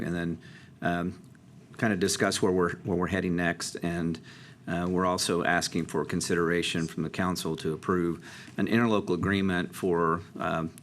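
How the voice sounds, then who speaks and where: A man with a low voice talks a city council through an update. He speaks casually and loosely, with frequent fillers and restarts. Faint room noise sits under his voice. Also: fairly bright tone. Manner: conversational, many fillers and restarts. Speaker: transit district presenter. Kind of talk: council presentation.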